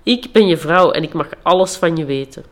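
A storyteller voicing a hunter husband who grumbles at and scolds his wife in a gruff manner. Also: medium pitch, a little fast, natural voice.

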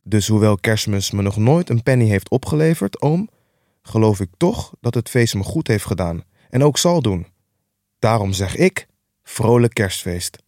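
A man's voice: fairly low pitch, animated, a little slow, a little mellow, no room sound. A man voicing a relentlessly cheerful young nephew in an audiobook reading, earnest, upbeat and pleading. The recording is dry and close.

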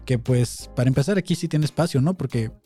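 Through a close studio mic, a Mexican Spanish-accented podcast host reacts to videos with casual incredulity and lots of fillers. He speaks fairly quickly in a dark-toned, medium-pitched voice over soft background music.

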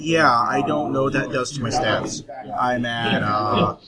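A man's voice: mid-range voice, measured pace. A man playing a tabletop game, calling out his moves and rolls in casual talk. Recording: crowd chatter behind. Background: chatter of a crowd.

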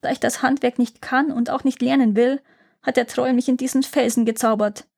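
A woman's voice: sits high, steady tone, fairly quick, vocal fry, darkish tone, slightly rough, pitched above the performer's own voice, full character voice. A woman reading a fairy tale aloud and voicing a desperate young man trapped in a rock who urges his sister to flee. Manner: urgent, pleading.

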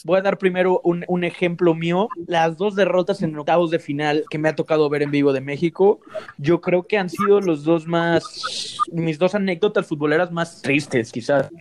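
A man with a Mexican accent hosting a casual conversation and telling personal stories in a chatty, animated way. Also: on the high side, normal speed, noisy background. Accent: Mexican Spanish. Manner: chatty storyteller, animated retelling. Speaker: podcast host. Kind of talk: casual chat.

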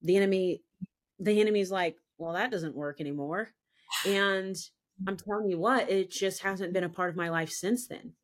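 A woman's voice: mid-range voice, steady tone, normal speed. A woman speaking as a guest on a faith podcast, sharing her personal testimony in an earnest, emphatic way that circles back on itself as she speaks. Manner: earnest, emphatic, repeats "I'm telling you".

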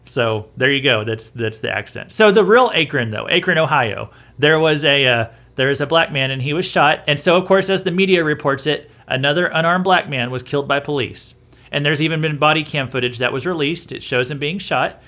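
Man host, bright tense tone, slightly higher voice, chatty opinion talk with restarts. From southern United States. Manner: conversational, repeats himself and restarts often. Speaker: podcast host. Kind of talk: opinionated commentary.

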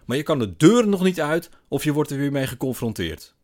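Indignant bar-room ranter, middle-aged man, pitched high and loud, a man putting him on. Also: expressive, fairly quick. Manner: indignant, shouting, bellowing.

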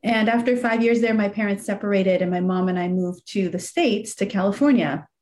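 A brisk, medium-pitched woman speaks as a guest in a casual interview. Born in Iran and now a nonprofit executive director, she tells her story warmly and reflectively, with small laughs and fillers.

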